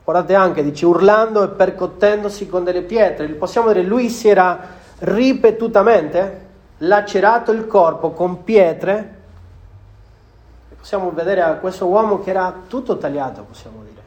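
A man's voice: high-pitched, moderate pace, a little mellow. A man preaching a sermon to a congregation in an earnest manner, often repeating phrases for emphasis.

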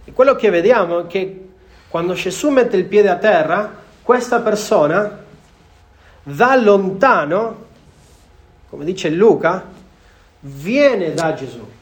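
A man with a notably high voice delivers a sermon as a preacher. He speaks earnestly, restating key phrases for emphasis as he explains the passage to his listeners. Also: animated, slow, pauses often.

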